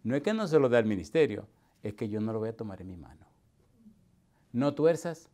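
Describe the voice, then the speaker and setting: A man preaching with lively, chuckling anecdotes and medium pitch. He builds rhythm by repeating words over and over. When he retells a conversation, his voice sinks to a quiet, intimate tone. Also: fairly quick. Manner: animated, repetitive, drops to a hushed voice for quoted dialogue. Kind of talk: humorous storytelling sermon.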